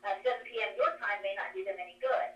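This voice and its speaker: A woman's voice: mid-range voice, fast, a bit bright. Woman, phone call, cave-like echo, far from the mic, methodical. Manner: methodical, explains step by step. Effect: cave-like echo over a phone line. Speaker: coach. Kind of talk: presentation on a conference call. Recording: echoey distant phone line.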